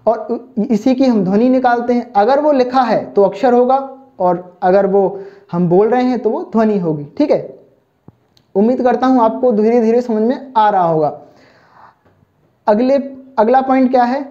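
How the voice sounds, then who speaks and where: A Hindi teacher with an extremely high, dark-toned voice leads an online exam-preparation lesson at normal speed. He keeps asking "samajh mein aaya na" and "thik hai" to make sure the students, whom he fondly calls children, have understood. It's a dull, muffled lo-fi recording.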